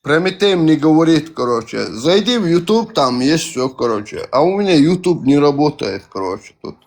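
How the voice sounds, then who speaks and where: A man with a fairly high voice, big pitch swings, moderate pace and a slightly mellow quality calls in to a live voice chat on a stream. He speaks Russian with a Caucasian accent, rambling casually with lots of hesitations, fillers, restarts and self-corrections.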